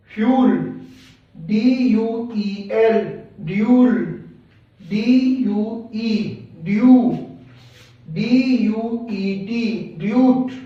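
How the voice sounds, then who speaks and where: A man with a high voice teaches pupils, spelling each word out letter by letter and then sounding it. He goes very slowly. His voice carries a heavy echo from a room, picked up from some distance. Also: darkish tone. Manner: slow, deliberate letter-by-letter spelling followed by the word. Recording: very echoey room, distant mic, dull sound.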